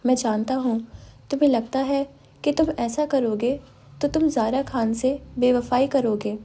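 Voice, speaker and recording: A playful young man who teases and prods his friend, as a woman narrator puts him on. The voice is high and mellow. He talks in a lively, joking way. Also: breathy edge, exaggerated voice. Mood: teasing. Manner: teasing, playful.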